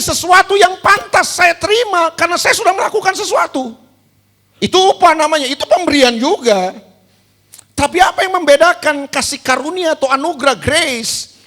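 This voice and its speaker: A man's voice: very high voice, sharp tone. A male pastor preaching a sermon. He asks the congregation questions, answers them himself and repeats key words for emphasis.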